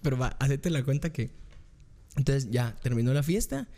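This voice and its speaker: Young Guatemalan man telling a story. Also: normal speed. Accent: Guatemalan Spanish. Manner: animated, acts out his own reactions in high squeals. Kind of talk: casual storytelling chat.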